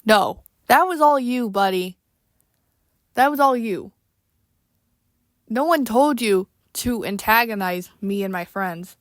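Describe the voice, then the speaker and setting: A woman delivers a casual rant in a weary, exasperated manner. Her pace is slow, with halting pauses between thoughts. Her voice sits at a middling pitch, and the sound is dry, with no room echo. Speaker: online creator addressing viewers.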